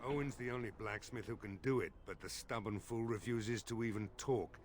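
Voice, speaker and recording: A man's voice: lowish voice, brisk, slight background noise, natural voice. An actor playing a worried, blunt middle-aged male village mayor in a fantasy game, talking in a weary, pleading way. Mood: weary urgent.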